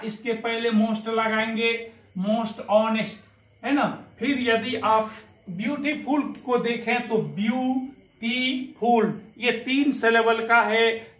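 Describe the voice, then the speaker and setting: A man teaching English grammar, going slowly through examples and often checking in with the class. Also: very high-pitched, a bit bright, reverberant, poor audio. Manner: slow, repetitive, keeps checking with "है ना".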